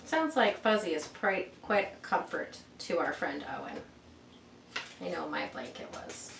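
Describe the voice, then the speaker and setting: Captured by a faraway mic in a roomy room with a little background noise, a woman reads a children's picture book. Her voice is low, animated, and measured, with vocal fry, and she brings it to life with chatty asides and rhetorical questions.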